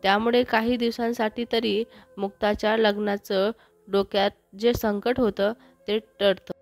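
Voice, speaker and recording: A woman storyteller reading a romantic story aloud in a steady, even scripted narration. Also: mid-range voice, measured pace, soft background music.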